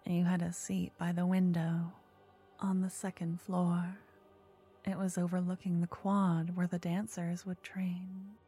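A woman acts out an obsessive fantasy lover, tender and dangerously possessive. Her sultry ASMR role-play is very breathy and soft, with a mellow tone and an unhurried, soothing pace. The whole thing feels like an intimate audio drama spoken to one listener. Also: fairly low pitch, little pitch movement, soft background music. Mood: wistful, intimate.

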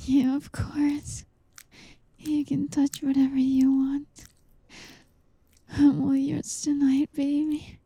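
A young woman in an intimate whispered roleplay, softly teasing and coaxing with a breathy voice, close to the mic. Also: high-pitched, monotone, slow pace, long pauses, no room sound. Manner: teasing, coaxing, soft-spoken. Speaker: audio roleplay performer.

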